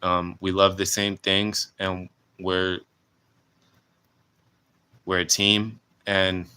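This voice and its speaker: A man in his late twenties talking earnestly and haltingly about his life in a personal vlog, with many restarts and fillers. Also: sits low, level tone, bright, forceful tone, clean tone. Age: 20s. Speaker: vlogger.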